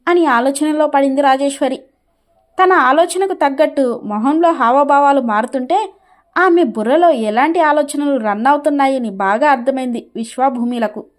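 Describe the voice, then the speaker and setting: A woman narrating a cartoon story in an even storybook manner. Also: high voice.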